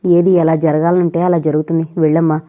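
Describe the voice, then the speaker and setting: A woman voicing a practical, soothing sister-in-law who talks gently and persuasively, in a storybook reading. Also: low-pitched, level tone, a little fast, highs cut off, lightly acted.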